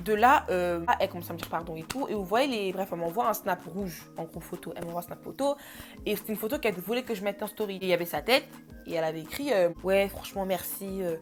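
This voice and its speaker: Fast-talking young woman telling a story. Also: medium pitch, soft background music. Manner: chatty, slangy, fillers like "tu vois". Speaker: vlogger. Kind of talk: casual storytime.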